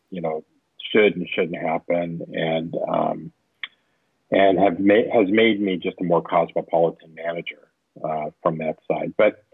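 A Southern California tech executive in his fifties answers interview questions as a guest, rambling and leaning on plenty of fillers. His low voice has a breathy edge, and the dry recording sounds tinny, like a phone line.

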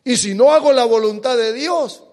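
A man's voice: very high voice, moderate pace, darkish tone. A man preaching a sermon, pressing points with rhetorical questions and drawing out the words he stresses. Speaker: pastor. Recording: long hall reverb.

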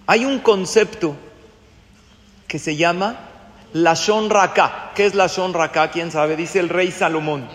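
High-voiced man preaching in a hall. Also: slow, a bit bright. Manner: asks the listeners questions, acts out quoted voices. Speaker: rabbi teaching a class. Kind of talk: sermon with a told story.

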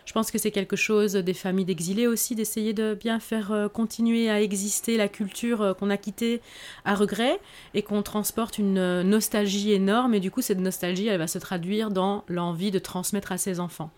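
A woman answers questions in a podcast interview. She sounds reflective and unhurried, often pausing on fillers as she searches for words. Her pitch sits in the middle range. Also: fairly even intonation, a little mellow. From Belgium. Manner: reflective, hesitant with frequent fillers. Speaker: author guest.

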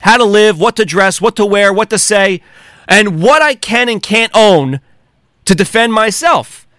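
A man's voice: high-pitched, animated, measured pace, a bit bright, no echo, studio quality. An American man delivering a heated, profane monologue rant, angry and sarcastic. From United States. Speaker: commentator.

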